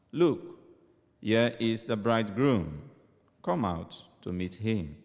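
A priest reading the gospel and preaching a homily in a measured, deliberate way, his voice ringing through a large church with a long echo. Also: mid-range voice.

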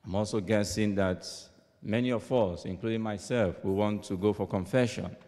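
A man speaking as a priest, reading scripture and preaching in a solemn, measured manner in an echoing church. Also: fairly low pitch, mellow. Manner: deliberate, measured. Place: inside a large church. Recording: echoing church hall, long cathedral-like reverb.

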